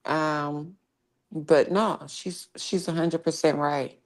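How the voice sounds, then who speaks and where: A woman with a very low voice co-hosts a casual gossip livestream. She presses her points with emphasis and says them twice over. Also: steady tone, slow. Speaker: co-host.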